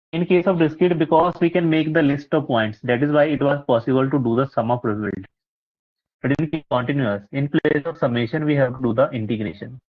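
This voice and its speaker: A man explains a lesson to students on a video call, patient and steady, often pausing on fillers. His voice is husky and mid-pitched. The call audio is muffled and lo-fi. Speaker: teacher. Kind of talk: online class lecture. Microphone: laptop or headset mic on a video call.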